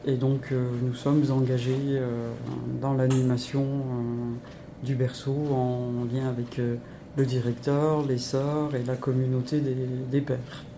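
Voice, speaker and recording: A woman in her sixties from Lorraine, introducing herself as a lay volunteer in a radio interview, speaking hesitantly with many pauses. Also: very deep voice, flat delivery, background noise. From Lorraine, France.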